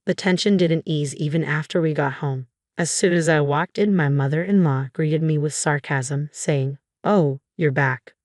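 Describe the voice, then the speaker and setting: A woman reading a first-person family drama story in an even, measured way. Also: deep voice, no room sound, clean studio sound. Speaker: narrator.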